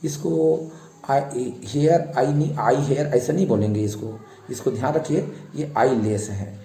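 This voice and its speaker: Echoey, dark-voiced male English teacher. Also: mid-range voice, slight background noise. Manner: repeats each word slowly, pointing out face parts. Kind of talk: slow explanatory lesson for children.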